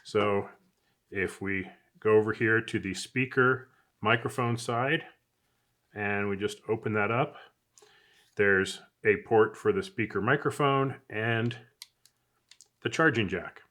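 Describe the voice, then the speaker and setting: A man who hosts a channel reviews a product casually and without a script, chatting as though thinking aloud. His lowish, somewhat bright voice moves slowly, with long pauses.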